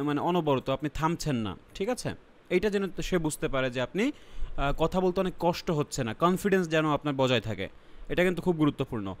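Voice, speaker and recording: Bangladeshi man teaching, a little high-pitched. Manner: explains step by step, checks in with "ঠিক আছে?"; mixes English terms into his explanations. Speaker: IELTS teacher. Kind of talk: online lesson.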